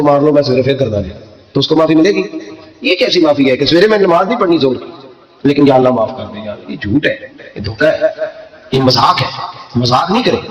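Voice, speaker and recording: A man preaching a sermon, impassioned and emphatic, climbing to high fervent peaks. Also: highs cut off. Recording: echoey hall with long reverb.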